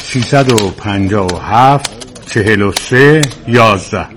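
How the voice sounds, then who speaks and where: A man's voice: lowish voice, noisy background, natural voice. An actor playing a frustrated male client who complains insistently about a delayed payout, in a TV drama.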